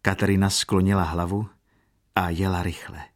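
Man, audiobook narrator, very deep voice, measured, calm, scripted narration.

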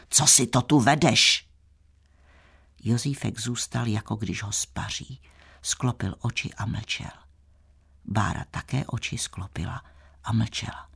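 A man narrating a classic tale in a measured, old-fashioned storytelling manner. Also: mid-range voice, gravelly, slightly rough. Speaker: audiobook narrator.

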